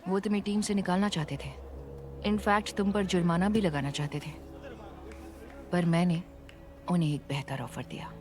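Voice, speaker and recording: A woman dubbing a persuasive, measured female sports official in a drama. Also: fairly low pitch, fairly even intonation, darkish tone, soft background music, natural voice. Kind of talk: dubbed drama.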